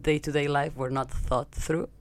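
A woman in her thirties in a relaxed podcast conversation. She talks bluntly, with wry self-mockery. The recording is close and free of room sound. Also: sits low, normal speed, dry recording. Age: 30s. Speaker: podcast co-host. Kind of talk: casual chat.

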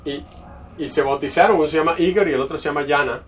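Talking fast in a voice on the high side, a preacher tells stories conversationally from the pulpit of a church, frequently starting phrases over. The mic is far off, and faint background noise can be heard.

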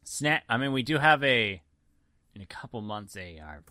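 Lively bright-voiced man joking on a podcast. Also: mid-range voice, moderate pace, no room sound, clean studio sound. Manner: joking, teasing. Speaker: podcast co-host. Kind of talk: casual chat.

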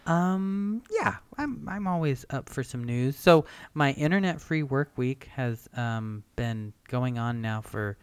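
Guy cohosting a podcast, smooth soothing voice, chatty n jokey, dry sound. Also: medium pitch, expressive, takes it slowly, few pauses, no room sound. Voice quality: smooth, soothing newscaster-like delivery. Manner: chatty, jokey, laughs often. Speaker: podcast co-host. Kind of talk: casual chat, reading news aloud.

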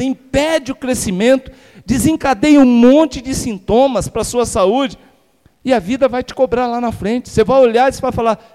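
A man's voice: very high-pitched, a little mellow. A male pastor with a Brazilian Portuguese accent, preaching a sermon emphatically, firing rhetorical questions and calling for amens. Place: church sanctuary. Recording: reverberant church hall.

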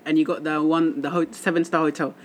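A man's voice: a little high, flat delivery, quick pace. A young man, chatting casually in slang and giving blunt opinions. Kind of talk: casual chat. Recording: faint background noise.

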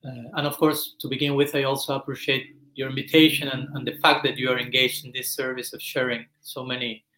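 Brisk and sharp-toned, this medium-pitched voice shows little pitch movement. It belongs to an Argentine monk in his forties, a thoughtful guest on a reflective podcast interview recorded in an echoey room, explaining and searching for words.

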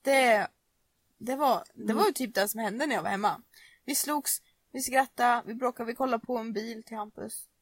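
A young woman co-hosting a podcast, telling a story in casual chat, laughing and swearing often. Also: fairly high pitch. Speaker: podcast co-host.

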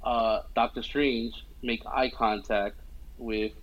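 A young man who's into films chats about one casually, going through it scene by scene with animated storytelling, many fillers, and repeated "you know what I mean." He speaks slowly in a mid-range voice, and the sound is lo-fi.

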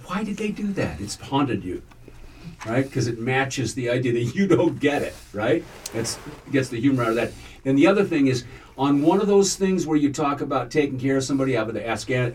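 A man's voice: medium pitch, a little mellow. A man running an acting class, giving encouraging notes and acting out line readings for his students. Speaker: acting coach. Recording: distant mic, faint room hiss.

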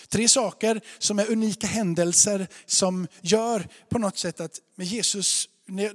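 A man preaching a sermon in an earnest, repetitive style, building emphasis through his lines. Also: sits high. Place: church. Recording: long church reverb.

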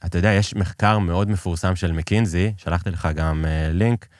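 Low-voiced Israeli man in conversation. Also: fairly even intonation, no room sound, studio quality. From Iran, immigrated to Israel. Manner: hesitant searching delivery, peppered with English business terms. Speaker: podcast guest, business executive. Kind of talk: conversational storytelling in an interview.

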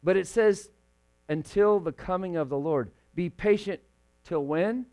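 A man with a fairly high voice preaches to a congregation in a church. He keeps it conversational with joking asides, then slows down and rises in volume when he reads scripture. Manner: casual, joking asides, swells louder and slower when reading scripture. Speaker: pastor. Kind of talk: sermon. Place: church sanctuary.

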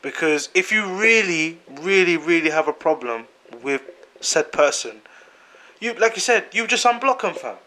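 A man talks in a high, light voice. He is animated and slangy, and he repeats phrases for emphasis in a casual podcast chat. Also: moderate pace.

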